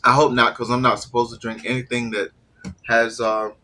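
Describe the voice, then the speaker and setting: A man's voice: mid-range voice, level tone, normal speed, sharp tone. A man with a stuffy nose from allergies, chatting casually and rambling during a live stream. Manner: laid-back, trailing off with fillers. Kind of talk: casual rambling chat while eating.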